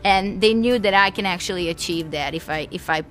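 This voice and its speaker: A woman's voice: fairly low pitch, brisk, fairly bright tone, faint music behind. A woman in her twenties from Serbia, talking casually in an interview and laughing easily. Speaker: interviewee, aspiring skeleton athlete.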